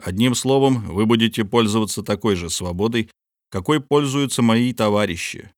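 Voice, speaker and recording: Low-pitched stern ship captain, cold measured commands, dry close sound, read by a man. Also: dry recording, lightly acted. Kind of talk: audiobook character reading.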